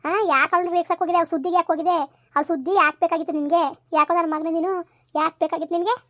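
A furious village mother in a rural comedy skit. She fires off repeated insults at her son at a breakneck pace in a high, piercing voice. The recording is dry and close. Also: fairly even intonation, a bit bright, no echo. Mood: scolding. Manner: rapid-fire scolding, repeated insults.

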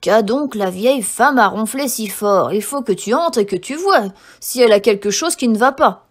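A woman reading a storybook and voicing a bold male hunter, loud and emphatic. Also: on the high side, animated, normal speed. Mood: gruff.

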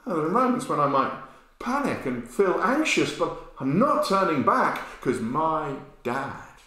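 A man in his fifties preaching a sermon, animated storytelling that swings between loud and hushed, recorded indoors in a bare room by a camera at medium distance. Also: a little high, measured pace. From England. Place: bare-walled room indoors, with a sign language interpreter beside him. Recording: very echoey room.

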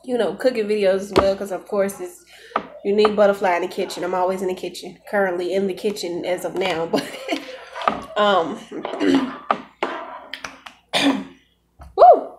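A woman's voice: medium pitch, fairly even intonation, moderate pace, pauses often, noisy background. A young American woman chatting casually and familiarly to viewers while eating cereal in her kitchen, recorded on a phone. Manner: folksy, addressing viewers familiarly. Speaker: vlogger. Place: home kitchen. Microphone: phone propped at arm's length.

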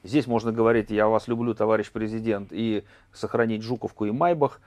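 A man's voice: on the low side, fairly even intonation, fairly quick, a little mellow, no room sound. A man giving commentary in a panel discussion. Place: small room studio, indoors.

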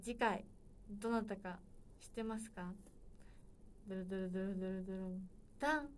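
A woman's voice: medium pitch, a little mellow, slight background noise. A woman in her twenties hosting a solo livestream, chatting casually and playfully with viewers. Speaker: livestream host.

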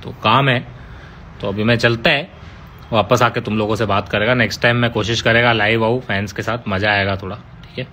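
A man's voice: fairly low pitch, steady tone, a little fast, pushed and bright, slight background noise. A man, chatting casually on a live stream and answering fan comments with teasing, playful banter.

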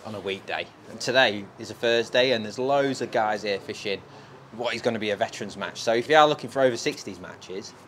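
A man presents a casual fishing vlog outdoors, talking viewers through the venue with chatty enthusiasm. His voice is on the low side and fairly bright in tone, and he speaks briskly. Background noise is clearly audible.

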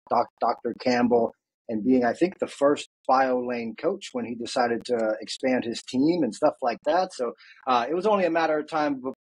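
A man in his thirties speaks as a guest over a video call, headphones on. His voice has a husky edge, and he recounts his path earnestly and thoughtfully, filling pauses with small fillers. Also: mid-range voice, darkish tone, poor audio. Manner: earnest, reflective storytelling with frequent fillers. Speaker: guest, fitness coach. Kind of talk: casual interview. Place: home office, indoors.

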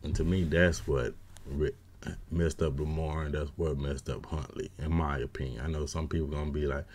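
Very deep-voiced casual football fan. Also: male voice, fairly even intonation, normal speed. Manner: opinionated, gets loud and exasperated when ranting; casual slang with frequent fillers. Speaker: sports fan commentator. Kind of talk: postgame football commentary. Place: small room at home, gaming chair.

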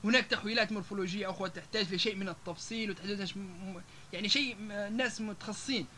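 A man with a Libyan Arabic accent giving a public lecture to an audience, rattling off example words and pausing on long "aah" fillers. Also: high voice, sharp tone, slight background noise. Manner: rapid, with frequent drawn-out "aah" fillers, listing example words one after another.

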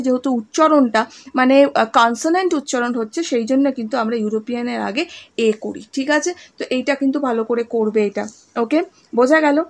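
A woman, teaching a grammar lesson to young students, patiently explaining each answer and checking in with "okay?" as she goes. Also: sits high. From West Bengal, India. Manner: reads exercise sentences slowly and deliberately.

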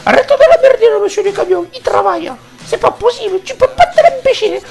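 A man voicing a fed-up older wife who scolds her husband in a shrill, nagging voice. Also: animated, fairly quick, very noisy. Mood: exasperated scolding.

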